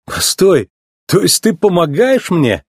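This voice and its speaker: A cocky young race car, as a man acts him out, excitable and quick to yelp. The husky voice jumps high with lively swings. It is a dry, close storybook recording. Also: no echo, lightly acted. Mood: puzzled. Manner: excitable, yelping when upset.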